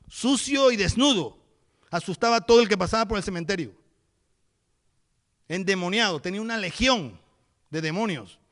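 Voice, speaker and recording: High-voiced pastor preaching. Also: male voice, a bit bright. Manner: vivid storytelling, acting out the scenes. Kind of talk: sermon.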